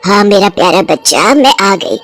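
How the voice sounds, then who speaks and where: A doting cartoon witch mother who coaxes and soothes her spoilt child, played by a woman dropping into a lower, gentler register than a narrating voice. Her lines move in a lively sing-song. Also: normal speed, soft background music. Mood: soothing. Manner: soothing, coaxing. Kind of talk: cartoon story voice acting.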